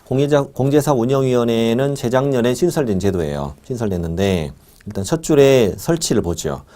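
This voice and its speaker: A man's voice: mid-range voice, dark tone. A middle-aged man teaching an exam prep lecture, repeating key points and asking questions he answers himself.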